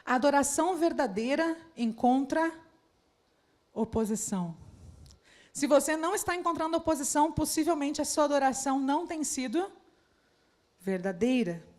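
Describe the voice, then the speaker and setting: High-voiced woman preaching. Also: lively intonation, moderate pace, long pauses, a little mellow. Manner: addresses the audience directly with rhetorical questions. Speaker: speaker at a church leaders' conference. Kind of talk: sermon.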